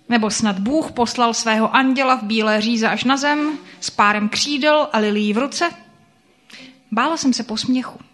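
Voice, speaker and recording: A woman reading a first-person story aloud in a soft, reflective way. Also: a little high.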